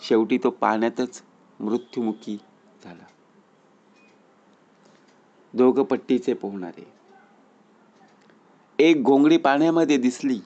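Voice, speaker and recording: A man's voice: a little slow, long pauses, dark tone. Earnest male storyteller, lo-fi sound. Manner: earnest storyteller, rises in pitch and volume at tense moments. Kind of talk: moral story narration.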